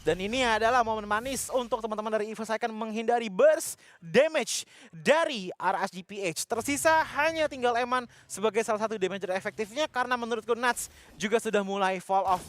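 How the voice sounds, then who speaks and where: A man's voice: high voice, a bit bright. An Indonesian man giving live esports play-by-play and analysis in wordy, flowing explanations. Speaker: esports match commentator.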